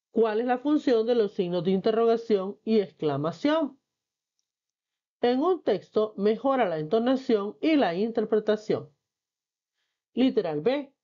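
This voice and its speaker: A female teacher walks through textbook exercises in a patient, clear classroom manner, reading the questions aloud and answering them. Her voice sits at an ordinary pitch, and the recording sounds a little dull and muffled. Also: warm tone. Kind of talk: textbook lesson explanation.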